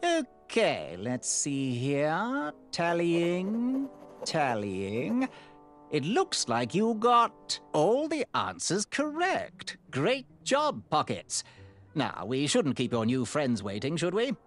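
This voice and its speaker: A man's voice: fairly high pitch, wildly swooping pitch, slow, a bit bright, soft background music, exaggerated voice. An actor playing an officious, showy male tournament examiner in a video game.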